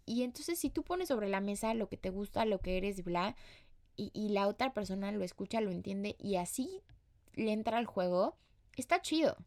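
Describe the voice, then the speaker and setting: A woman's voice: medium pitch, expressive, normal speed, darkish tone. Chatty Mexican woman podcaster. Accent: Mexican Spanish. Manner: chatty and slangy, with playful acted-out quotes. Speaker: podcast host. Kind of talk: casual podcast monologue.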